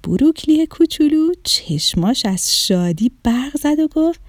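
A woman narrating a children's story in an expressive, gentle storytelling voice. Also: high-pitched, no echo.

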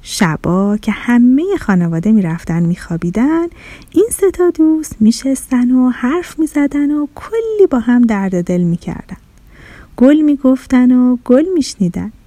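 A woman's voice: a little high, expressive, no room sound. A woman narrating a children's story in a playful storybook manner. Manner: warm storybook telling, playful rhyming words.

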